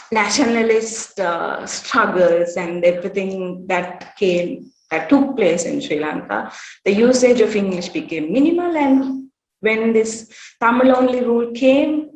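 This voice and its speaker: A woman's voice: fairly high pitch, reverberant, low-quality recording. A woman giving an academic conference presentation, hesitant, with frequent fillers and restarts.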